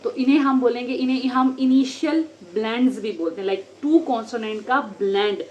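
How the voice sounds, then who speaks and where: A woman giving a phonics lesson at home, sounding out letters slowly and with care. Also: fairly high pitch, a little mellow, a little hiss or hum. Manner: slow, drawn-out sounding of letters. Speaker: homeschool teacher.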